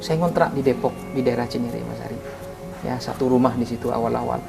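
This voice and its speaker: A man's voice: fairly quick, gravelly. A man, a religious teacher, tells his near-death experience as an earnest interview testimony. His voice rises sharply when he repeats his pleading prayers, then drops again as he goes on. Faint music plays underneath. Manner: earnest storytelling, voice swelling high when quoting his prayers.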